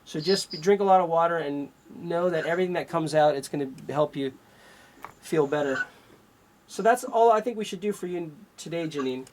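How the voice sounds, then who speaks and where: A man's voice: a little high, moderate pace, slight background noise, rough recording. A man working as an energy healer on a radio call-in show, talking in an instructive way. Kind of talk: call-in healing session.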